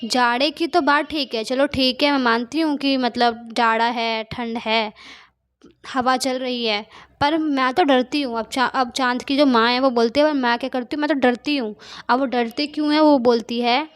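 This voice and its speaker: High-pitched lady teacher reading a kids' poem slow then explaining it simply, lots of repeating. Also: steady tone. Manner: reads verses slowly, then paraphrases in plain spoken Hindi with English words mixed in. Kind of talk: explaining a Hindi poem line by line.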